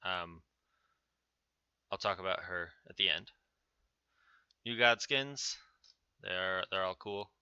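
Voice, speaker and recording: A man's voice: low voice, takes it slowly, pauses often, pushed and bright, clean tone, no echo. A man giving informal, offhand commentary on game patch notes as a video host. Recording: dull, narrow-band sound.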